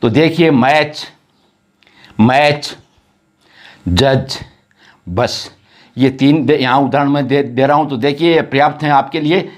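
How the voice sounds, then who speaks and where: A man's voice: mid-range voice, moderate pace. A man teaching a grammar lesson, repeating words and sounds one by one.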